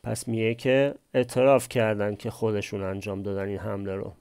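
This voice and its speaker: A man's voice: on the low side, flat delivery, a little mellow, clean tone. A man teaching a language class, explaining a text phrase by phrase and posing questions he then answers himself. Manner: asks and answers his own questions.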